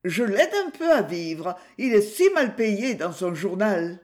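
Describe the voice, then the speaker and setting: A reader voicing a flustered older widow who pleads in a higher, quavering voice. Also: very animated, measured pace, darkish tone.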